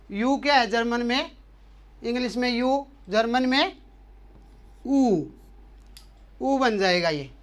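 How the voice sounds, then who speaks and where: A man's voice: very high voice, a bit bright. A man teaching the German alphabet, patiently drilling each letter by asking a question and then answering it again and again. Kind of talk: language lesson explaining letters.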